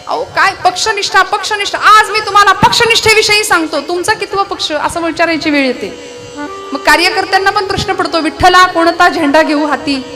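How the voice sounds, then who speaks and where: A woman performing a devotional kirtan, telling an epic story with song and chatty rhetorical questions to the audience. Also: high-pitched. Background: devotional music.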